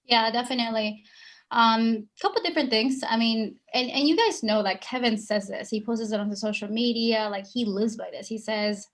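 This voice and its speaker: A woman's voice: fairly high pitch, normal speed. Bubbly upbeat woman on a call. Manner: bubbly, energetic, lots of "like". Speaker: guest. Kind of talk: upbeat personal sharing on a call. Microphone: video call.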